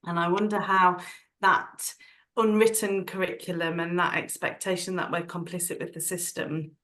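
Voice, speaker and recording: A woman's voice: on the low side, fairly bright tone. A woman hosting a book club discussion, asking reflective, earnest questions. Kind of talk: moderating a discussion.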